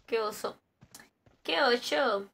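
A woman's voice: a little high, takes it slowly, creaky, fairly bright tone. A young woman, chatting casually on a game stream, joking and greeting viewers as she reads their messages. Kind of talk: casual live-stream chat.

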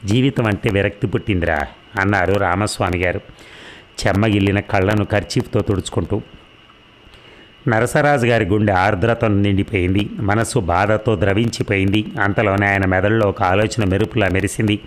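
Low-voiced man narrating a novel. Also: steady tone, normal speed. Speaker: storyteller. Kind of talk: audiobook reading of a novel.

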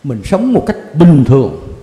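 A man's voice: a little high, wildly swooping pitch, a little slow, dark tone. An older man, a Zen teacher answering questions in a blunt, colloquial way with chuckling asides. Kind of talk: answering questions in a Dharma talk. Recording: echoey hall with long reverb.

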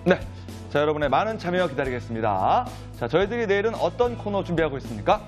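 A man's voice: on the high side, sing-song, quick pace. A man in his thirties hosting a live TV show from a studio. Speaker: show host. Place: large TV studio. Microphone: lapel mic. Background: background music.

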